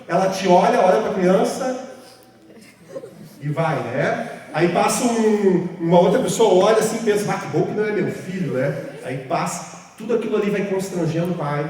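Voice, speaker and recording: A man's voice: on the high side, a little mellow, far from the mic. A man with a southern Brazilian accent giving a training talk to teachers. He explains step by step, keeps adding tag questions, and acts out little scenes. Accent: southern Brazilian (Rio Grande do Sul). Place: large hall with a group of teachers. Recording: echoey hall, voice from afar.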